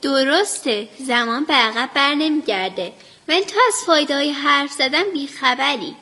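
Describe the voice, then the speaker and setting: A woman voicing a calm, sensible young friend who reasons gently with the others. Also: sits high, heavily acted.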